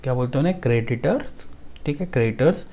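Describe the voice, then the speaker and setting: A male accounts teacher from Delhi, lecturing his students in a Hindi-speaking accent. He repeats key lines slowly, turns them into a rhyme to recite and keeps asking if things are clear. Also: medium pitch, expressive, mellow.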